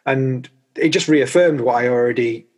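A man with a Northern English accent hosting a conversational interview, haltingly repeating words as he searches for his phrasing. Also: medium pitch, darkish tone. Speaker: podcast host interviewing a guest.

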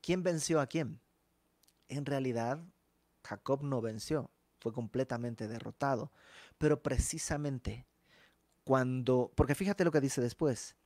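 A man preaching a sermon, teaching a Bible passage in an animated way with asides to the listener. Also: medium pitch, unhurried, dry recording.

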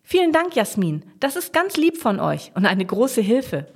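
A woman doing a fretful older lady in a storybook, breathless and flustered with worry. Her voice climbs high and wavers up and down. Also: very animated, unhurried, slightly rough, full character voice.

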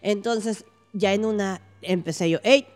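Mexican woman telling a story in a casual chat, acts out the voices, kinda low and warm. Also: moderate pace. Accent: Mexican Spanish. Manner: animated, acts out quoted dialogue. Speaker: podcast guest recounting paranormal experience.

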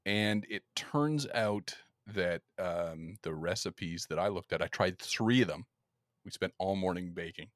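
A man hosting a podcast in casual chat, laughing often and talking in an animated way. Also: low-pitched, measured pace, no echo, studio quality. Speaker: podcast host.

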